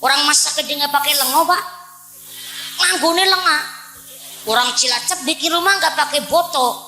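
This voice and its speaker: A woman's voice: high-pitched, quick pace, bright, forceful tone, reverberant, slight background noise, low-quality recording. A woman preacher from Central Java with a Banyumas Javanese accent, giving a playful, joking sermon to a village crowd and often addressing the men as "Pak". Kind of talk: humorous religious sermon. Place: village religious gathering.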